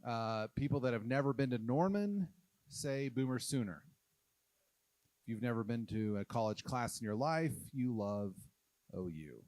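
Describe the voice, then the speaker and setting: A man from Oklahoma doing a stand-up comedy set on a live stage, talking in a halting, self-deprecating way with many "uh" fillers. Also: mid-range voice, animated, darkish tone, no room sound. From Oklahoma, USA.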